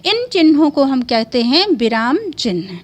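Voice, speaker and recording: A woman's voice: high-pitched, very animated, unhurried. A woman teaching a grammar lesson. She explains each point twice, asking questions and answering them herself.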